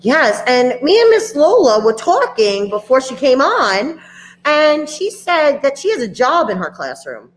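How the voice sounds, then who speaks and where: Hosting a school open house, a woman with a high-pitched voice and big pitch swings speaks unhurriedly. She chats playfully and enthusiastically with viewers and a young student in an upbeat, casual way.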